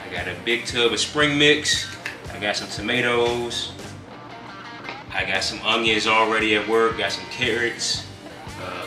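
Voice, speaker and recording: A young man vlogging casually from his home kitchen, talking straight to his viewers in a laid-back way. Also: fairly low pitch. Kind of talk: casual vlog talk to camera.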